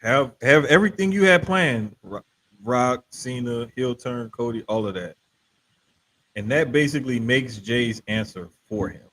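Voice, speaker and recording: Man, husky voice, mid pitch, casual podcast commentary, slangy, emphatic. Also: lively intonation, measured pace, fairly bright tone. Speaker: wrestling podcast co-host. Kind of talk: casual chat, wrestling commentary.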